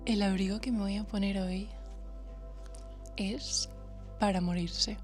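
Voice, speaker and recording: A woman from talks through her vlog in an excited, chatty way, dropping English words into her sentences. Her pitch sits in an ordinary middle range. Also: slow, soft background music. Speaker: fashion vlogger. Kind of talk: casual vlog chat.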